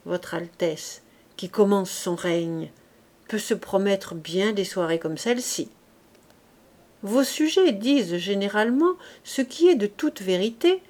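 A woman reading the lines of a witty court duchess in a calm, ironic way. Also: medium pitch, natural voice.

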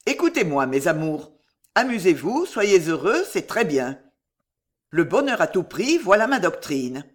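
A narrator voicing a menacing, commanding false priest in an audiobook of a classic novel, with a measured, domineering delivery. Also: mid-range voice, very animated.

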